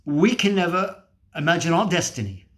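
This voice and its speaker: A man with a fairly high voice and wide pitch swings, speaking at a moderate pace, performs a dramatic monologue as a cynical, feverish, scornful apocalyptic drifter. He rants fervently and preachily, with emphatic swearing and rhetorical questions.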